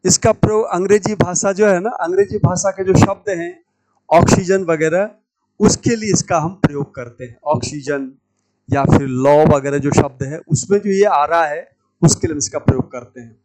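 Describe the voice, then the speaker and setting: A man teaching Hindi grammar in a lecture, slowly repeating key words to stress how they are pronounced. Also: high-pitched, darkish tone, rough recording. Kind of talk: classroom lecture at a whiteboard.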